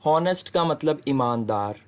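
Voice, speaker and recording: A man giving a recorded lesson, reading example sentences slowly and clearly. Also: fairly high pitch, expressive. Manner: slow, deliberate reading of English example sentences. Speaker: English teacher. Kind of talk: video lecture.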